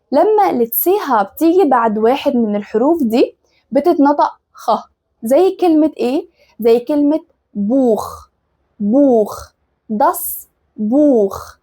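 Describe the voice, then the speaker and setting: A woman with an Egyptian Arabic accent teaching German pronunciation in a casual style, drawing out the example sounds slowly. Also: sits high, darkish tone.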